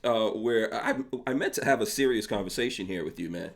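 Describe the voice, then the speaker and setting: A man's voice: on the low side, animated, fairly quick. A man from Guyana hosting a podcast in casual conversation, rambling with restarts and laughing easily. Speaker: podcast host.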